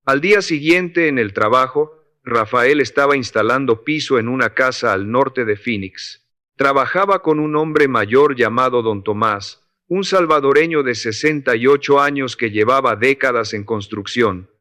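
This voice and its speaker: A man narrates a scripted motivational story. He reads in a steady, unhurried way. His voice sits at a mid pitch.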